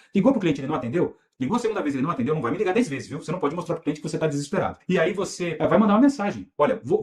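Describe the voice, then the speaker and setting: Brazilian man, middle-aged, rapid-fire delivery, lively rising and falling pitch, emphatic instructor tone. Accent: Brazilian Portuguese. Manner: energetic, emphatic teaching with rhetorical questions. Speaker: real estate sales instructor. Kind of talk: recorded online course lesson.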